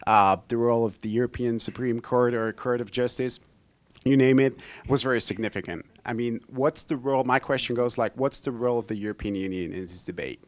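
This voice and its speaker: A man's voice: medium pitch, a little fast. A man from Slovakia asking the panel a question from the floor, speaking hesitantly with fillers. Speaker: audience member asking a question.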